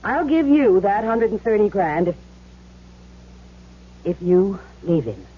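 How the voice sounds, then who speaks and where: For a 1970s radio drama, an actress plays a tough but good-hearted young woman gambler, earnest, emphatic and slangy, yet guarded and businesslike. Her husky, mid-range voice is very animated and heavily acted, though she takes it slowly. The old recording is muffled and hissy, with hum.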